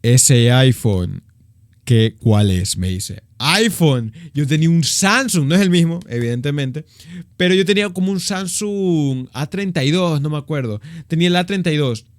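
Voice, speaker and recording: A young man in his twenties with an Ecuadorian accent, telling a story on his vlog in a slangy, profane, animated way. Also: a little high, fairly quick, dry recording, clean studio sound. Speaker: vlogger.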